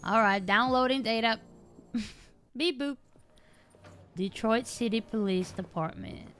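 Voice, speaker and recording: A woman's voice: fairly high pitch, measured pace, a bit bright, a little hiss or hum. A woman streamer giving casual gameplay commentary, chatty and thinking aloud as she plays.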